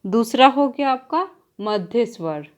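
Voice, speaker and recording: Slow, deliberate woman teacher. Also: on the high side, lively intonation. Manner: slow, deliberate explaining, drawing out example sounds; writes on a board while teaching. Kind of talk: exam-prep grammar lesson.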